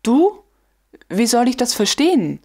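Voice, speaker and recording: A man's voice: very high-pitched, animated, slow pace, voice pushed up, full character voice. A woman reading the lines of an indignant young male army officer in an audiobook, voicing shocked, rising exclamations. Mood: aghast. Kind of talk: audiobook dialogue.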